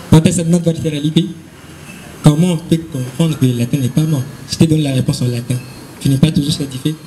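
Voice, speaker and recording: A man's voice: on the high side, mellow, a little hiss or hum, rough recording. A man with a Congolese French accent answering questions at a school event, explaining at length and switching between Latin and French with frequent hesitations.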